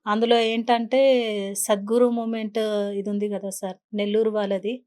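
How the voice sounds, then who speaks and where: A woman speaking as a talk-show guest, telling her own story in an earnest way. Her voice sits a little high, and her words come quickly. She often slips English words into her speech. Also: little pitch movement, darkish tone. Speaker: interview guest. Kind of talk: emotional personal storytelling in an interview.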